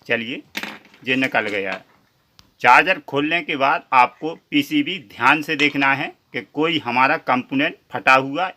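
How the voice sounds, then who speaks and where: Man, repair tutorial host, chatty, bright tone, slightly high pitch. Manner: chatty, addresses viewers as friends.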